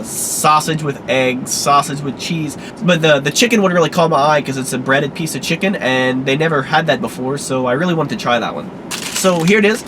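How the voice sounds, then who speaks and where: Hosting a casual food review vlog, a man talks in an easygoing, rambling way full of fillers. His medium-pitched voice sounds a little congested and hoarse, with background noise behind him.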